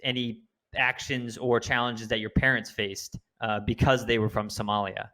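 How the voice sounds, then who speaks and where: A man's voice: medium pitch, flat delivery, moderate pace, sharp tone. A man co-hosting a podcast, earnestly setting up his questions with background for the guest. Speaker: podcast co-host. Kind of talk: interview questions.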